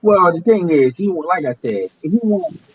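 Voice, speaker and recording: A man on a muffled, low-quality stream that sounds underwater, talking bluntly and profanely in a heated casual debate as a regular panelist. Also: lively intonation, normal speed. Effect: muffled low-quality stream audio, sounds underwater and far away. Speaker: regular panelist on a group voice chat. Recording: tinny, muffled, phone-like stream with faint hiss.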